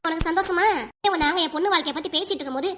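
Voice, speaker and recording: A quarrelsome cartoon mother, voiced by a woman, fires off complaint after complaint in a very high, piercing voice. She scolds quickly and never lets up, the tone of a home-made cartoon. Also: very noisy. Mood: scolding. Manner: scolding, rapid-fire complaints. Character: sharp-tongued middle-aged mother, quarrelsome.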